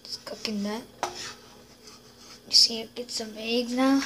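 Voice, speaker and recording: A woman with a high voice narrates toy play, talking at an unhurried pace. She rambles playfully and slips in and out of silly voices. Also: steady tone, noisy background.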